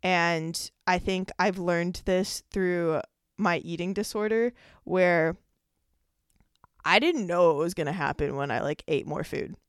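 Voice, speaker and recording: A woman's voice: fairly low pitch, measured pace, clear, resonant tone, no room sound, clean studio sound. A woman in her twenties hosting a solo podcast, talking casually and rambling with lots of "like" as she thinks aloud. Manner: rambling, heavy use of "like". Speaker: podcast host.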